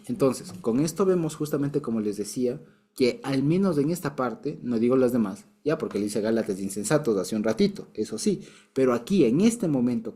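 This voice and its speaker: Male Bible teacher, mellow tone, patient and chatty. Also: mid-range voice, breathy edge. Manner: explains patiently, with frequent restarts and light chuckles. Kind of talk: casual Bible lesson.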